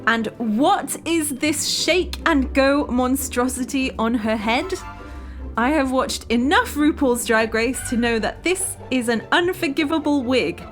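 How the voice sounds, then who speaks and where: Wry woman reviewing a TV show. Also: on the high side. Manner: wry, sarcastic, playful. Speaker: host reviewing a TV series. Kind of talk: scripted review narration.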